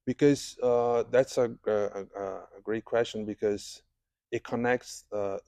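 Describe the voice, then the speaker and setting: A man from Brazil, a jiu-jitsu instructor answering interview questions in a podcast studio, speaking haltingly with many restarts and fillers. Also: mid-range voice, fairly even intonation, dark tone, clean tone, no room sound.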